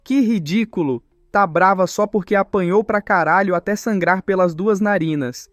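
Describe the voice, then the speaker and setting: A man's voice: sits high, normal speed, no room sound, clean studio sound, faint music behind, close to an everyday voice. Man playing a cocky, taunting young fighter. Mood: mocking. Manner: teasing, taunting.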